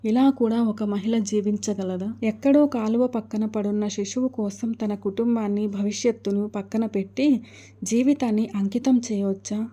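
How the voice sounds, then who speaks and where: A woman narrating a family drama as a steady, emotive storyteller. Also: mid-range voice, moderate pace.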